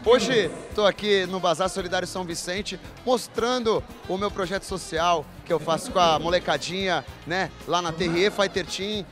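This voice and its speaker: A man's voice: high-pitched, normal speed, few pauses, fairly bright tone. A man who coaches a youth fight team, talking enthusiastically and casually at an event, with music behind. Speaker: martial arts coach. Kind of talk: on-camera statement at an event. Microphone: handheld mic.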